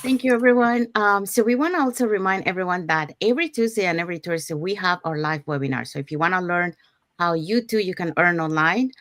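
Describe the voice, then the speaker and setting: Low-voiced woman hosting a livestream. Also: fast, a bit bright. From Panama. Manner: announces schedules and introduces guests. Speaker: host.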